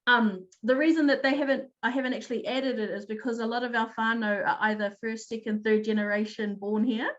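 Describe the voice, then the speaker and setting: A woman presenting an online teaching talk, explaining in an upbeat way with quick restarts. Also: fairly high pitch, fairly even intonation, highs cut off.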